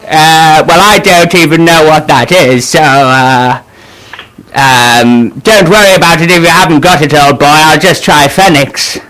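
A man putting on the voice of a polite, befuddled elderly man in a prank phone call, slow and hesitant with many pauses and uhs. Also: on the high side, sharp tone. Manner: hesitant, fumbling with frequent uhs, slow and genteel. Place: radio studio.

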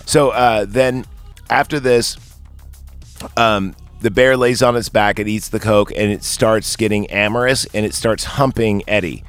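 A man's voice: fairly even intonation, measured pace, fairly bright tone, clear, resonant tone, soft background music. Blunt, profane man recapping a movie. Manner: blunt, profane, acts out quotes in high squeaky voices. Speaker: podcast host reviewing a movie. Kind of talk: casual film review chat.

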